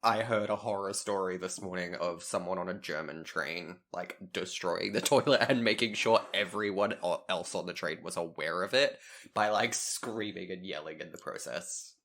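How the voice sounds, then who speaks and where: A co-host with a very bright, forward voice joins a casual podcast conversation. The delivery is wry and teasing, full of conversational asides. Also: deep voice, moderate pace. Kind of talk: casual chat, chiming in with asides.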